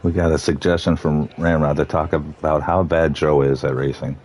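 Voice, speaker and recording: A man commentating live on a sim race, reading out the starting grid in a relaxed, joking way. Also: a bass voice, normal speed, a little hiss or hum.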